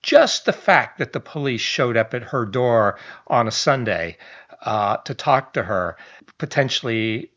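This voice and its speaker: Reading out a news piece, this man, an online commentator, tosses in casual commentary, asides, restarts and small laughs. He speaks at a measured pace in a mid-range, expressive and slightly bright voice, recorded in somewhat dull lo-fi sound.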